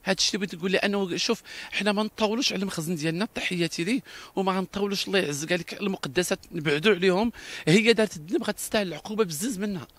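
A man's voice: high-pitched, very fast, fairly bright tone. A man with a Moroccan Darija accent, speaking in an interview with emphatic, repetitive talk and frequent restarts.

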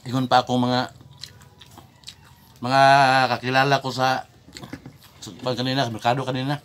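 A man's voice: medium pitch, flat delivery, moderate pace, fairly bright tone, a little hiss or hum. A man, a mukbang vlogger rambling and joking in casual chat while chewing with his mouth full. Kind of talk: casual eating vlog chat.

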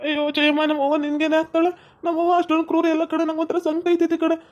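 A woman's voice: very high voice, level tone, darkish tone, muffled recording. Woman playing a moaning sick village husband. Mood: groaning.

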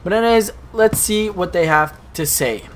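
Excitable young male gaming YouTuber. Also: high-pitched, moderate pace. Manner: excitable, slangy, rambling. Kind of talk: casual gameplay commentary.

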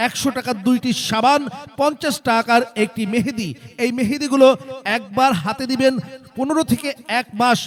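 A man with a Bangladeshi accent delivering an insistent, repetitive hard-sell promotional announcement as a sales announcer. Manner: insistent, repetitive sales pitch urging listeners to hurry.

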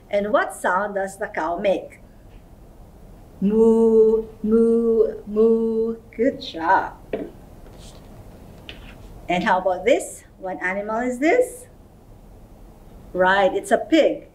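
A woman's voice: mid-range voice, distant mic. A middle-aged woman, an early childhood educator, talks as if to a toddler in a simple, encouraging, sing-song way, asking little questions in an indoor room. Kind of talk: children's lesson, talking as if to a toddler. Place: indoor playroom-style studio, seated.

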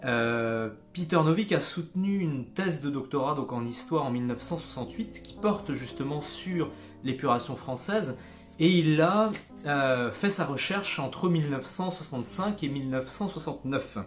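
A man's voice: a little high, lively intonation, normal speed, faint music behind. Hesitant man reviewing a book. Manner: hesitant, many fillers and restarts; jokes about his own English accent. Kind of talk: casual spoken book review.

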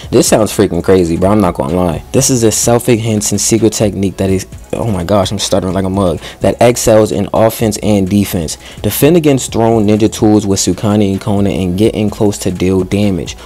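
Deep-voiced man reading game patch notes. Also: moderate pace, hardly any pauses. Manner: slangy excited asides between read passages; stumbles and restarts while reading. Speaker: gaming YouTuber. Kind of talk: reading game update notes aloud with commentary.

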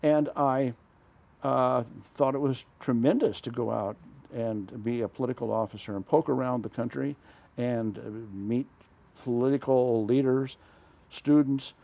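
Recorded indoors on a lapel mic in a small, dark studio, an older retired diplomat with a mid-range voice reminisces about his career. His relaxed storytelling rambles and stalls, peppered with "uh," chuckles and self-corrections.

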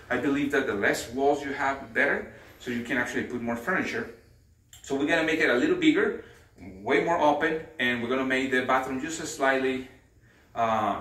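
Man explaining a remodel in an echoey empty room. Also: mid-range voice. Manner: explanatory, hesitant restarts, non-native phrasing. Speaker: home remodeling host. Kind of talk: casual walkthrough tutorial. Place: empty bedroom under demolition, indoors. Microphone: on-camera mic from a distance. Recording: roomy echo from far off.

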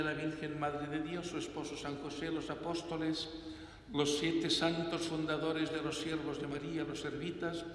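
A middle-aged man, a priest celebrating Mass with solemn, measured recitation at an altar stand mic in a large church. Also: on the high side, fairly bright tone, slight background noise. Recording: echoey church with long reverb.

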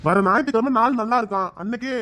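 A woman doing a deep-voiced old grandfather. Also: quick pace, fairly bright tone, lightly acted. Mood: mild. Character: elderly village grandfather, gentle, devout. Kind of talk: cartoon voice acting.

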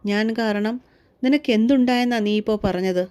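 A hot-tempered young man who shields those he loves, as a woman reads him out. He swings between furious shouts and soft, coaxing words to a small child. The story is told in a warm, mellow voice. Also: on the high side, moderate pace, clear, resonant tone, close to an everyday voice. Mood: angry. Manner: shouting in anger, cooing softly to a child. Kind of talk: audiobook story reading.

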